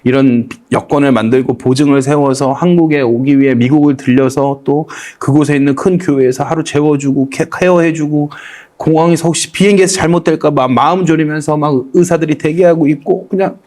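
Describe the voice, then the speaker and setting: A man with a high voice tells his faith story in relaxed conversation. He acts out his own prayers with feeling. Now and then he breaks into lines of a hymn. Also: fairly quick. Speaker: guest comedian sharing testimony. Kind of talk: emotional testimony in a casual chat.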